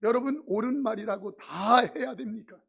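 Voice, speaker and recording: Middle-aged guy preaching in church, gravelly husky voice, jokey stories then punchy emphasis. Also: extremely high pitch, normal speed. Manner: humorous storytelling, emphatic preaching. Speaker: pastor. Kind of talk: sermon. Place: church sanctuary.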